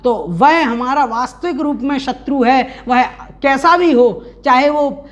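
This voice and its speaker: A woman teaching an online scripture class, explaining each idea and reciting verses slowly and deliberately. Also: high voice, animated, muffled recording. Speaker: religious teacher.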